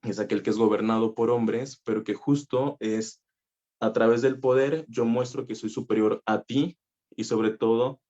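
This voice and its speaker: A man's voice: mid-range voice, steady tone, moderate pace, mellow, highs cut off. A man from northern Mexico with a Mexican Spanish accent, a voice teacher giving a conversational talk full of fillers. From northern Mexico (Coahuila). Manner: conversational, many fillers, laughs easily. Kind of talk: conference talk.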